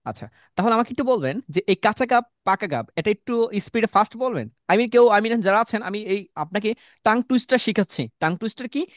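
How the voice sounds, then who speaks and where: A man's voice: sits high, expressive, fairly quick, no room sound, studio quality. A man teaching an online class, coaching students through tongue twisters and calling on them by name. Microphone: computer mic on a video call.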